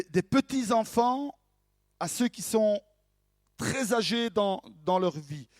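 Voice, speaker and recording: High-voiced animated male pastor preaching. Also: no room sound, studio quality. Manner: animated preaching, swings from hushed to loud, rhetorical questions. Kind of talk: sermon.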